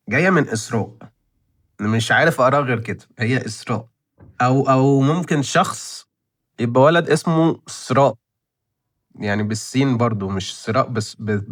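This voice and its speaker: A young Egyptian man in his twenties talks to his viewers at a quick clip, chatty and rambling. He thinks aloud, circling back and repeating words as he goes. His voice sits at an ordinary middle pitch. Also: fairly bright tone. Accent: Egyptian Arabic. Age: 20s. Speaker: channel host reviewing license plate auctions. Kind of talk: casual commentary to viewers.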